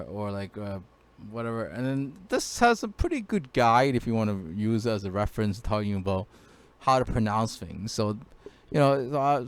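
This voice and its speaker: A man's voice: mid-range voice, clean tone. Hesitant man teaching a casual lesson. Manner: hesitant, many fillers and restarts. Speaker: language teacher. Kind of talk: casual screen-share lesson.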